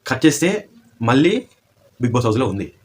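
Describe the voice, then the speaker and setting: A man's voice: mid-range voice, big pitch swings, a little fast, slight background noise. A man giving opinionated commentary, asking pointed rhetorical questions.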